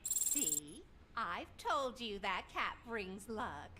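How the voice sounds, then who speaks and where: An actress playing a cheerful, superstitious woman in a video game, with a drawn-out conversational delivery. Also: medium pitch, sing-song, sharp tone, slight background noise, heavily acted. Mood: pleased.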